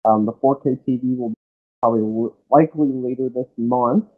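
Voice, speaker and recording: A man's voice: mid-range voice, fairly quick. A man on a remote call whose voice sounds muffled, as if heard through a wall, chatting eagerly as a podcast co-host. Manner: eager, excitable. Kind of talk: casual tech chat. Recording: muffled tinny call line.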